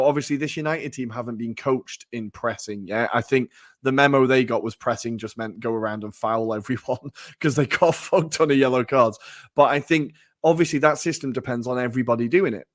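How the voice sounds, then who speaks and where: A man co-hosting a football podcast, talking in an animated way, laughing and swearing now and then. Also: mid-range voice, no echo, studio quality. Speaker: podcast co-host. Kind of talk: casual football analysis.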